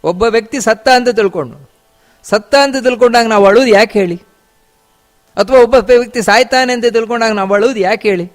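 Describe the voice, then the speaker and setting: High-voiced man explaining scripture. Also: fairly quick. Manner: repeats key phrases, asks rhetorical questions. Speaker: religious teacher. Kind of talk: scripture discourse with chanted verses.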